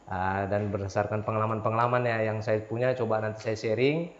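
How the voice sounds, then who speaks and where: A man's voice: fairly low pitch, steady tone, brisk. A man in his forties, a safety trainer, explaining things step by step as a podcast guest. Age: 40s. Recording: roomy, dull lo-fi sound.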